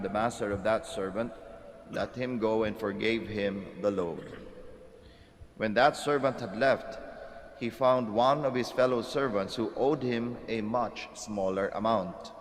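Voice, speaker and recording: A man reads scripture at Mass in a measured, solemn way, his fairly low voice carrying through a large church. A long cathedral echo trails every phrase. Faint background noise sits beneath the reading. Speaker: priest reading the Gospel at Mass. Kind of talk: liturgical Gospel reading. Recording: long church hall reverb.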